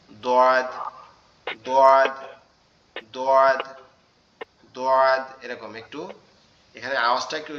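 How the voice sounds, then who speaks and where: A male teacher leads an online class with a bright, forceful voice, patiently repeating each letter sound several times. His audio comes through echoey and a little muffled, as from a video call. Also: on the high side. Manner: repeats letter sounds in drills, asks "okay?". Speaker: Quran teacher.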